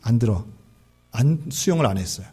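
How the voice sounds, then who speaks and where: A man's voice: medium pitch, lively intonation, fairly quick, warm tone, breathy edge. A male pastor telling a story in a sermon, acting out the characters' dialogue.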